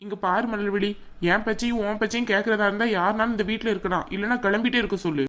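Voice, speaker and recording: Woman doing a harsh, fast-talking cartoon father. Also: medium pitch, fairly even intonation, fairly bright tone, lightly acted. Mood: angry. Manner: harsh and commanding. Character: stern proud middle-aged father, quick-tempered. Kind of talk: cartoon voice acting.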